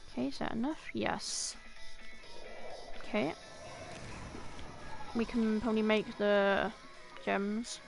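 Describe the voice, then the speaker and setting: Her mid-range voice stays fairly even in intonation, slow and creaky, with frequent pauses. This woman livestreamer mutters short, casual phrases to herself while gaming, thinking aloud over background music on poor audio.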